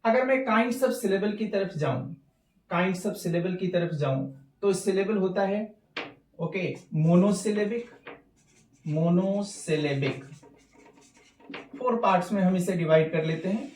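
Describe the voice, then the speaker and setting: Hindi-mixing male teacher, slow and roomy. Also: sits high, a little mellow, distant mic. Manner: mixes Hindi and English, repeats key terms, asks rhetorical questions. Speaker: English teacher. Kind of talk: classroom lesson.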